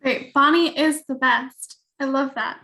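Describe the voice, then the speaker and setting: Woman, panelist, high pitch, enthusiastic, quick answers. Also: steady tone, sharp tone.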